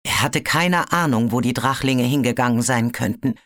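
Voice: medium pitch, normal speed, a bit bright, dry recording. Dry, close audiobook narrator. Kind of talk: scripted fantasy narration.

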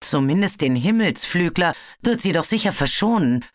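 Narrator doing a female earth dragon, calm, assured, storybook voice. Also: medium pitch, normal speed, dry recording, clean studio sound, pitched above the performer's own voice, lightly acted. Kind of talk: audiobook character voice.

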